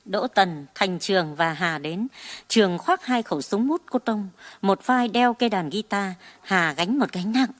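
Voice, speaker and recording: A woman narrating a radio drama in a calm storytelling manner. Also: mid-range voice, a little slow.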